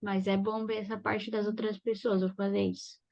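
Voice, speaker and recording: A woman's voice: mid-range voice, level tone, normal speed, creaky, darkish tone. Woman participant on dull lo-fi audio. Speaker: participant in the meeting. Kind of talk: casual chat. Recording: dull lo-fi sound.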